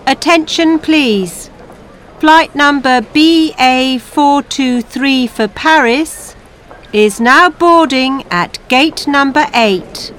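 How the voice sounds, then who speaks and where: A woman playing an airport announcer, making formal, measured flight announcements for a language exercise. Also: high-pitched, fairly bright tone, a little hiss or hum. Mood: formal, neutral. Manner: formal, measured, clearly enunciated public announcing. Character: female airport announcer giving flight notices.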